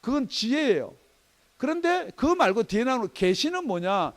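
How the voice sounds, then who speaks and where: A man preaching a sermon as pastor in a church, emphatic, asking rhetorical questions and swinging between loud and soft. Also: very high voice, big pitch swings, moderate pace. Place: church sanctuary.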